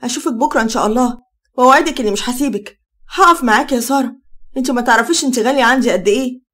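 A woman's voice: a little high, very fast, a bit bright. Woman doing a protective young egyptian man. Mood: encouraging.

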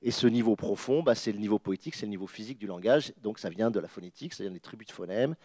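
Talking fast in a warm, lowish voice, a guest author on a panel explains something emphatically in an animated, lecture-like way. He often restarts, repeats words, and acts out sounds, and the recording is dry.

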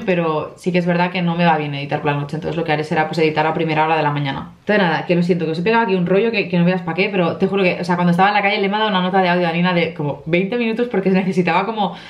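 Tired, fast-talking young woman. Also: mid-range voice, roomy sound. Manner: rambling, emotional storytelling with many fillers. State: tired from lack of sleep. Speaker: vlogger. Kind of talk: casual vlog chat.

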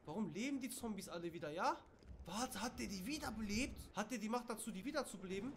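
A young man with reacts to a horror game from his room at home, his voice sitting high. He gets jumpy and curses under pressure, and a clear hum of background noise runs under the stream. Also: expressive, fast. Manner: jumpy, swears, shouts when startled. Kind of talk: casual let's play commentary.

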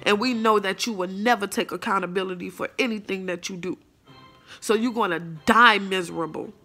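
Bright-voiced profane woman ranting. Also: mid-range voice, brisk, soft background music. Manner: blunt, profane, defiant. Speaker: mother ranting to camera. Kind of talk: angry monologue vlog.

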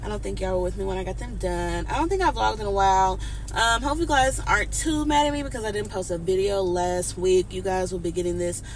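A woman's voice: mid-range voice, fairly quick. A woman vlogging in a casual, upbeat way who keeps calling her viewers honey and y'all. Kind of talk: casual chatty vlog talk. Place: inside a car. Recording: car noise in the background.

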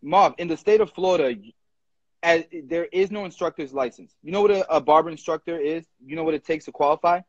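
A young barber educator with a slightly high voice talks passionately and emphatically, often restarting quickly, during a casual live chat. He streams from an indoor room at home with a ceiling fan, holding his phone's front camera at arm's length. The recording is dry, dull and lo-fi.

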